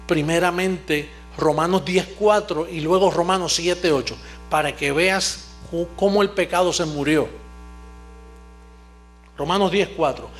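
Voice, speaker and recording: Male TV preacher, very high voice, emphatic call-and-answer sermon style, faint music underneath. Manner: emphatic, asks the audience questions and answers them; swings from low asides to shouting. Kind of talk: televised sermon.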